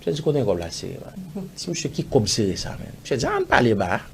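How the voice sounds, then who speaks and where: A man with a Haitian accent tells a personal story in an interview, his medium-pitched, gravelly voice swooping wildly at a moderate pace, with a little hiss or hum on the recording. He rambles casually, acts out the dialogue, and sprinkles in "bah" and "man."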